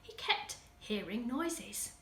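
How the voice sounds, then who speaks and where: Taking it slowly, a woman reads in a fairly high, expressive voice that is bright and forceful. She's a school teaching assistant with an English accent, dramatically emphasizing a children's story for young listeners, and the recording has roomy echo from a distant microphone.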